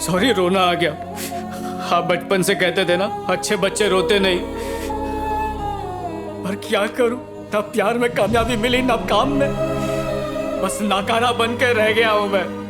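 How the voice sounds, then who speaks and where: A tearful heartbroken young son. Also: male voice, high voice, steady tone, unhurried, long pauses. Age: young adult. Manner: emotional, tearful confession. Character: heartbroken young man, tearful and self-pitying. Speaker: jobless son heartbroken in love. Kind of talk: Hindi film dub acting. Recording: film soundtrack with music under dialogue. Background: film score music.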